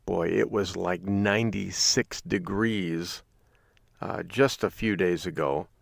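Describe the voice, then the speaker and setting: Gravelly, chuckling male podcast host. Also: sits low, slow pace, no room sound, studio quality. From Michigan. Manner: chuckling, rambling storyteller. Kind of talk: casual monologue.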